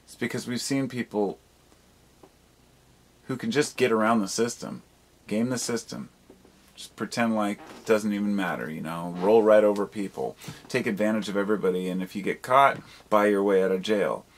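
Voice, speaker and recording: A video blogger talks in a loose, rambling monologue, candid and casually profane, pondering and questioning himself along the way. His voice sits on the low side, steady in tone, at normal speed.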